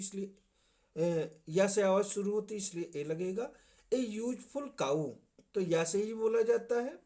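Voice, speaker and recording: A man's voice: high voice, warm tone. A man with a Hindi accent explaining English grammar in a classroom lecture style, repeating key points. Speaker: English teacher.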